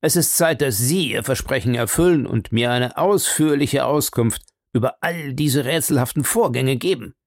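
An outspoken young baronet, plain-spoken and a little impatient, as a male audiobook reader voices him. He talks in a casual, colloquial way with a gravelly edge. The recording is dry and close. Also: medium pitch, normal speed, few pauses, dry recording, natural voice. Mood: insistent.

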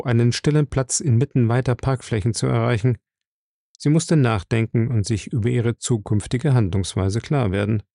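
A male audiobook narrator reading in a steady, even way, his voice dark and gravelly. The recording is close and dry with no room sound. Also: medium pitch, dry recording. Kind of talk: scripted narration.

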